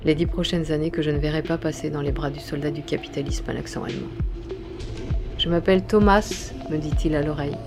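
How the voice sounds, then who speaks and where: Measured, intimate first-person narrator; mid-pitched voice over steady music. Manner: intimate, measured, present-tense storytelling.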